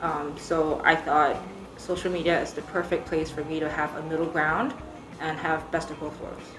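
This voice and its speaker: Young woman, american accent, chatty and low-ish voice, echoey room, soft music behind. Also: little pitch movement, moderate pace. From Singapore. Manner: chatty, laughs easily, many ums. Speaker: interviewee, baker. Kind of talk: casual interview answers.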